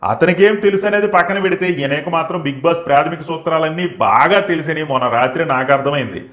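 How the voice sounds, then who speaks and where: A man's voice: a little high, fast talker, a bit bright, roomy sound. A man giving satirical commentary as a channel host, mocking and acting out the quoted lines. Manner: mocking, acts out quoted lines in shifted voices. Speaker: channel host and reality-show critic.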